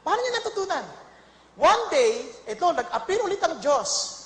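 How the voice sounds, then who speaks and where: High, lively, laughing woman preacher. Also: normal speed. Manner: playful, laughing, addresses the congregation. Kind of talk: humorous Bible storytelling sermon. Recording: echoey hall with long reverb.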